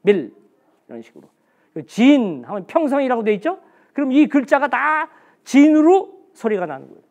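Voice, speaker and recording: A man's voice: very high voice, very animated, normal speed, darkish tone, muffled recording. A man giving a special history lecture in a blunt, colloquial way, asking himself questions and answering them.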